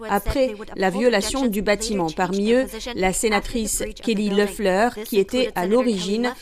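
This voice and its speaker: A woman anchor reading a scripted news report in an even, measured way. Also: mid-range voice, crowd noise.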